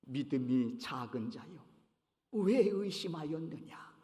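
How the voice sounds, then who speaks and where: A man voicing Jesus as a calm, gentle teacher, speaking softly and solemnly. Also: a little high, slow pace, in a large hall, voice pushed down.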